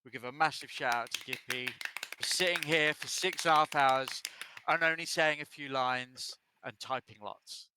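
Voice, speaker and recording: A man running a tabletop game as dungeon master on a live stream, narrating deliberately and often correcting himself as he goes. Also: on the high side, pushed and bright, a little hiss or hum. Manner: slow, deliberate narration with restarts and self-corrections.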